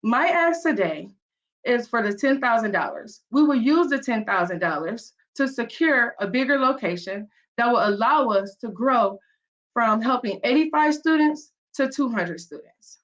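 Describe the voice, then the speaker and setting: Earnest Southern woman pitching over a call. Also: lively intonation, normal speed, a bit bright. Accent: Mississippi Southern. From Mississippi. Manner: earnest, storytelling delivery. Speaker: entrepreneur pitching. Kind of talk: rehearsed pitch speech. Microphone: video call. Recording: dull lo-fi video call audio.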